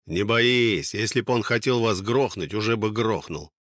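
A man voicing a sly gang boss who speaks in an unhurried, mocking way. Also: fairly low pitch, fairly bright tone, dry recording, studio quality, lightly acted.

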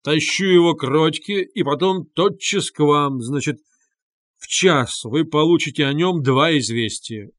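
A man voicing a tipsy, excitable young man who talks in a boisterous, rambling way, with a dry studio sound. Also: fairly high pitch, measured pace, no echo. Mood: excited.

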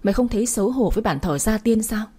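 A woman voicing an enraged father in his seventies who shouts harsh, scolding words at his daughter in a storybook. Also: on the high side, animated, quick pace, breathy edge. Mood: furious.

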